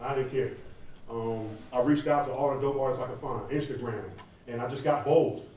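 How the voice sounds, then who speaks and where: A man from near Atlanta in the southeastern United States, a hip hop artist and former college athlete, answers questions at a live event in candid, casual, slangy phrases. His mid-range, mellow voice is steady and normal in speed. The lo-fi recording comes from a large echoey indoor hall with a distant mic and faint noise.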